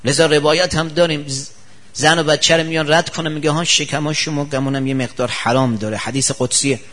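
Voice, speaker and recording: A male preacher giving a sermon full of anecdotes, acting out the people he quotes with sudden jumps in his voice. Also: steady tone. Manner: acts out quoted people with sharp pitch jumps.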